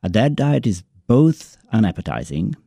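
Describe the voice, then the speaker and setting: A man being interviewed in a studio as a medical expert, explaining in a measured, halting way. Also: lowish voice, sing-song, creaky, dark tone, husky, no room sound. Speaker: guest, neurologist. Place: radio studio.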